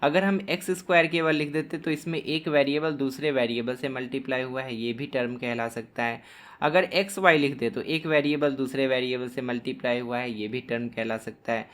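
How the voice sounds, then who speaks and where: Man teaching maths, slow and deliberate. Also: mid-range voice, steady tone, a bit bright. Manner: slow, deliberate, dictating terms as he writes. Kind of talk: classroom lesson explaining at a board.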